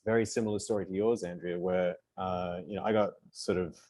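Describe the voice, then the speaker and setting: A middle-aged New Zealand man speaks in a low, mellow, steady voice, a little fast. He's a colorist on an online panel, recounting his career in a joking, self-deprecating way during casual panel talk.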